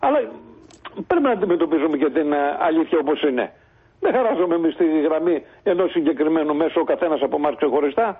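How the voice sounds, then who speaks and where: Husky high-voiced man on a phone line. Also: expressive. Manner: insistent, argumentative, many hesitations. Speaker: politician guest. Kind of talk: radio interview debate.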